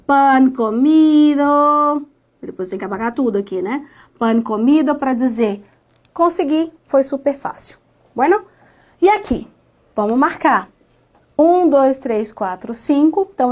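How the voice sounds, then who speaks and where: Woman, high voice, teacher, patient and encouraging, online lesson, dull lo-fi sound. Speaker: Spanish teacher. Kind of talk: online lesson explaining grammar exercises.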